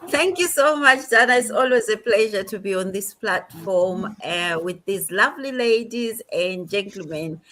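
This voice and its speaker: A woman's voice: medium pitch, expressive, moderate pace, hardly any pauses, sharp tone. An older woman from Zimbabwe, politely introducing herself on a live stream.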